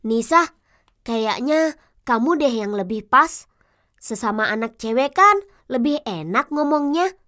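A high, bright, bouncy boy's voice, acted by a woman, with pitch that swings up and down a lot. He is a playful village kid who likes to tease his friends. It is a children's TV drama. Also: lively intonation, measured pace, pauses often. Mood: coaxing. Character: playful, teasing young village boy.

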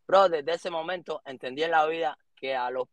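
Man, 30s, Cuban accent, slangy animated storytelling, slightly high voice, dry close sound. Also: normal speed, no room sound. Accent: Cuban Spanish. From Cuba. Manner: animated street slang, acts out quotes. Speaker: guest. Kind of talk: casual storytelling interview.

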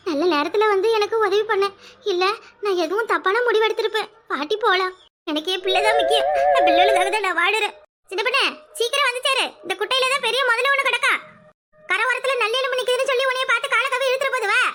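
A woman's voice: very high voice, quick pace, pushed and bright, slight background noise. A woman voicing a distraught, dramatic plump village mother in a comic cartoon, with a Kanyakumari Tamil accent. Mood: calmer. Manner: wailing, self-pitying.

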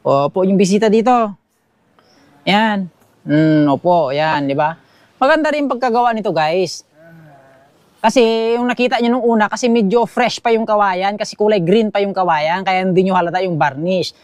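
A man's voice: sits high, moderate pace, dry recording. A man with a Filipino accent giving a chatty walk-through of a small bamboo house outdoors, talking to his viewers while filming on a handheld action camera. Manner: chatty, keeps saying "guys", points things out. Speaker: vlogger giving a house tour. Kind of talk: casual walk-through vlog narration. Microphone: action camera held by the speaker.

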